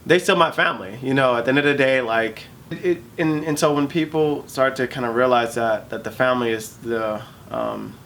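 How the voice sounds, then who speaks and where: Man, host of an interview show; earnest, mid pitch, faint background hiss. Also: moderate pace, a bit bright. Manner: earnest, speaks from the heart, repeats words. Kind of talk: casual interview chat.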